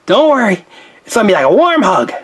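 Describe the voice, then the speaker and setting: A woman's voice: medium pitch, very animated, fast, slightly rough. A woman voicing a timid, fussy male snowman toy who stammers nervously in a toy play video. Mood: eager.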